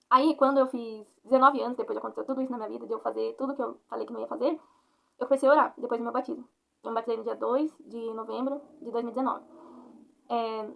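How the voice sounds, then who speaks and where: A young Brazilian woman tells her faith story in a rapid, rambling, earnest flow on her own channel. Her voice sits high and carries a gravelly fry. The recording sounds dull and lo-fi. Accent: Brazilian Portuguese. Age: 20s. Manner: rambling, earnest, frequent tag questions. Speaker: vlogger. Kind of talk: personal faith testimony.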